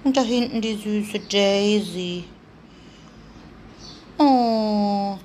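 A woman's voice: extremely slow, a little mellow, a little hiss or hum. A woman, talking casually to her viewers and cooing at her cats while she cleans, now and then coughing from her allergy. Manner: chatty, coos and calls to her cats in a high sing-song. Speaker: vlogger. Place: room with cats, indoors.

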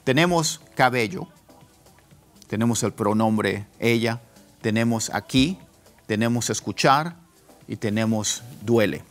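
Slow-paced man teaching pronunciation. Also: lowish voice, soft background music. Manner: slow, repeats words for drill. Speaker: English teacher. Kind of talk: online pronunciation lesson.

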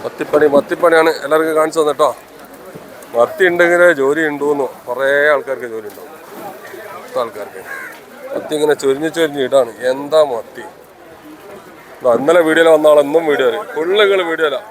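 A man's voice: a little high, quick pace, long pauses, a crowd in the background. A man with a Kozhikode Malayalam accent giving casual, repetitive running commentary for a video and calling out to workers. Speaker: vlogger at a fishing harbour. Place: busy outdoor fishing harbour. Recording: noisy outdoor recording with vehicles. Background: harbour and vehicle noise.

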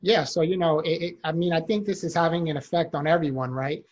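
A man's voice: on the high side, steady tone, brisk, muffled recording. A man in his forties, a motivational speaker, earnestly telling his life story on a video call from his home office, with plenty of fillers. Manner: earnest, conversational, with many fillers. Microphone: desktop condenser mic on a video call.

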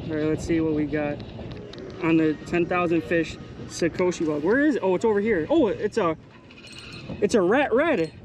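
A young man in his twenties giving chatty, excited running commentary while fishing from a small boat, recorded on a body-worn action camera. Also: high voice, normal speed, slight background noise. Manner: excited, chatty, calls viewers "guys" and "bro". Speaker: fishing vlogger host. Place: outdoors on a small boat on a bay. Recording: music playing underneath.

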